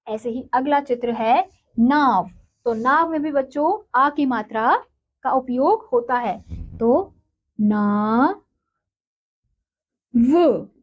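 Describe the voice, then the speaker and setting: Patiently breaking words into syllables and then blending them back together, a woman teaches young children reading and writing in a slow writing lesson. Her pitch is fairly high, and the recording has its highs cut off.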